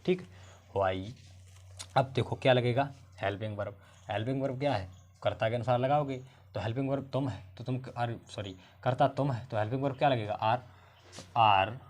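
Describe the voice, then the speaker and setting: A male teacher works through grammar examples with his class, one step at a time. He keeps checking with his pupils whether they have understood, and he slows down to spell out words. His voice sits at an ordinary middle pitch. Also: a little mellow. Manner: explains step by step, asks the pupils questions again and again.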